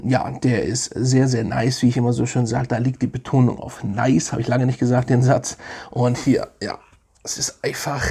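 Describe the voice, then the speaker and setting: A man's voice: medium pitch, creaky, a little mellow, husky. A middle-aged man reviewing fragrances in a casual, enthusiastic way, often repeating his praise. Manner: enthusiastic, repeats words like 'sehr, sehr nice'.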